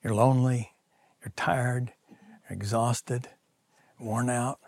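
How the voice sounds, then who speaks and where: A middle-aged man preaching a conversational sermon, acting out quoted voices and dropping to soft near-whispers. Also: mid-range voice, flat delivery, slow. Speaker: pastor.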